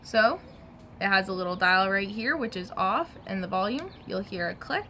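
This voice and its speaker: Her mid-range voice has lively intonation, a moderate pace and a sharp edge, with a little hiss or hum on the recording. She's a product reviewer running through a casual, talkative hands-on demo and fixing her own slips as she goes.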